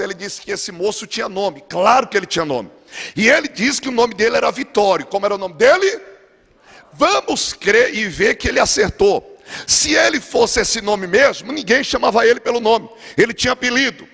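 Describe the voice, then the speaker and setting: A Brazilian pastor preaches in a fervent, declamatory style to a church congregation. His voice sits high for a man and carries a gravelly rasp. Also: a bit bright. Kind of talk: Pentecostal sermon. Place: church with a gallery.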